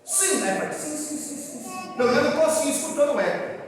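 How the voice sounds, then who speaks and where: High-voiced pastor preaching in an echoing church. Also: male voice, animated, brisk. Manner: emphatic preaching with rhetorical questions to the congregation. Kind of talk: sermon. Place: church sanctuary. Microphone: microphone on a church sound system. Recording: echoey church hall, distant mic, faint hiss.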